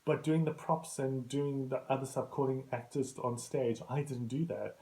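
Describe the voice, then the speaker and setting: A man hosts a casual talk show and rambles through backstage stories in a chatty, easygoing way. He often laughs at himself as he talks, and his voice sits at an ordinary middle pitch. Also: steady tone, moderate pace, warm tone, poor audio. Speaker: host. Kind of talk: casual anecdotal monologue.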